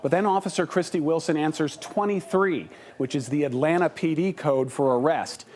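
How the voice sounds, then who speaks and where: A man's voice: a little high, normal speed, darkish tone. A man delivering an investigative television news report in a scripted broadcast style.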